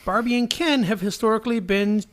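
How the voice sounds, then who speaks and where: A middle-aged man hosts a podcast, chatting casually in a joking, digressive way. His voice is high and his pace brisk.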